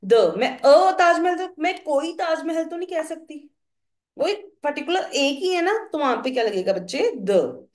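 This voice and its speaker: A young woman teacher, explaining grammar slowly and asking her students questions. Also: high-pitched, big pitch swings. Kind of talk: classroom grammar lesson. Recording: echoey room.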